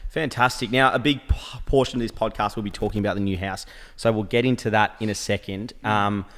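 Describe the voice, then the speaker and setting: A man's voice: fairly low pitch, fairly even intonation, a little fast, fairly bright tone, big-room sound. An Australian man hosting a podcast, upbeat and steering the conversation between topics. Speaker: podcast host. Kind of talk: casual chat.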